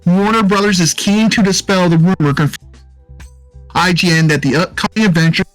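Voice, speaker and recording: A man reading a news article aloud, haltingly, on a voice chat mic that crackles and cuts in and out. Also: sits high, fairly even intonation, dry recording, soft background music. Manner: reads haltingly with fillers. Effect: crackling, cutting-out mic over a voice chat. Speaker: podcast co-host. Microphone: home mic over a voice chat app.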